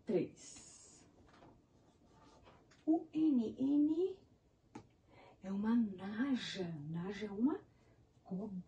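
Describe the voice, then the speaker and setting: An animated primary school teacher with a mid-range, warm voice speaks extremely slowly and pauses often as she teaches young children in Brazilian Portuguese. She counts out the syllables of animal names, spells words in syllables, and encourages the children with praise. She is far from the mic.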